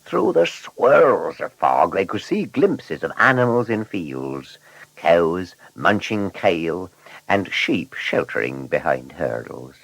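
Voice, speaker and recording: A man narrating a children's story in an animated, scripted storytelling manner. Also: deep voice, takes it slowly, vocal fry, husky, no room sound, poor audio.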